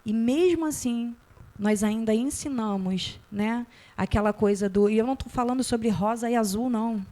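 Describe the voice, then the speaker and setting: A middle-aged Brazilian woman with a Brazilian Portuguese accent giving a talk, animated and questioning the audience directly. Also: a little high, normal speed. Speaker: guest speaker.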